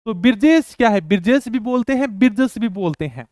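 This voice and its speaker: High-voiced Hindi teacher repeating key terms. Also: male voice, expressive, a little fast, darkish tone, no echo, studio quality. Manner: repetitive, explains terms again and again, asks and answers his own questions. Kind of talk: exam-prep lecture.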